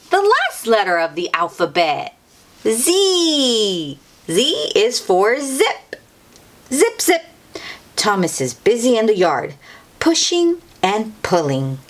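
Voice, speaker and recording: Reading a picture book aloud for children, this woman uses a medium-pitched voice and a teacherly manner. She repeats and emphasizes important words and addresses the young listener directly.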